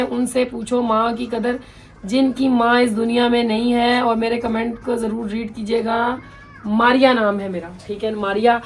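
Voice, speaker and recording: A woman, chatting bluntly and readily as she reads viewer comments in a home vlog. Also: a little high. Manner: talkative, blunt, quick-tongued. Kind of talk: casual chat.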